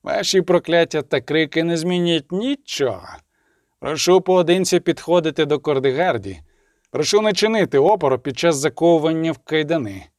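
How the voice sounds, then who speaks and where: A man voicing a stern imperial official who speaks in a measured, commanding way, in an audiobook. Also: on the high side, a little mellow, no echo, studio quality, natural voice. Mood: cold. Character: stern imperial male official, calm and unyielding.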